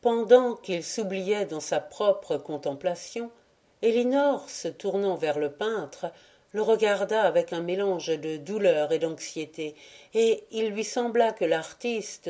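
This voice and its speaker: Audiobook narrator: woman, low mellow voice, measured storytelling pace. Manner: measured storytelling, voicing characters lightly. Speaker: audiobook reader. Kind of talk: scripted narration of a classic tale.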